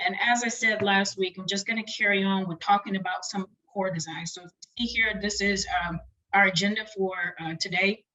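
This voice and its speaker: Bright-voiced woman lecturing quickly online. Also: mid-range voice, steady tone, rough recording. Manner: rapid, chatty, friendly lecturing. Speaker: webinar presenter for doctoral students.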